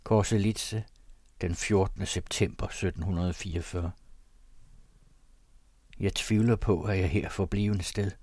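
Man with a low, solemn voice. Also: fairly even intonation, long pauses, a little mellow, dry recording. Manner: solemn, mournful. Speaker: narrator. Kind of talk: scripted reading of a period diary.

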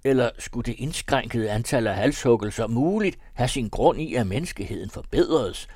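A man's voice: mid-range voice, lively intonation, darkish tone, husky, no echo, clean studio sound. A man voicing a small, round, fawning male executioner in a classic novel reading, wordy and mock-dignified.

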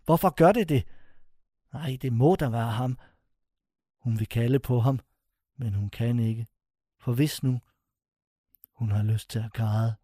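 A man reads a scripted horror story aloud, with a dark, mellow voice and a close, dry studio sound. His delivery is suspenseful, and he slows down to let the dramatic phrases land. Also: mid-range voice, fairly even intonation, dry recording. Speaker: narrator.

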